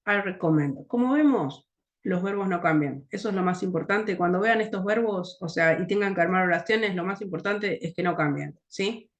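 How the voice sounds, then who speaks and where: This English grammar teacher, a woman whose voice sits on the low side, speaks with a Rioplatense Spanish accent. She explains things patiently, often tosses in "¿sí?" to check on her listeners, and models pronunciation by repeating English words slowly.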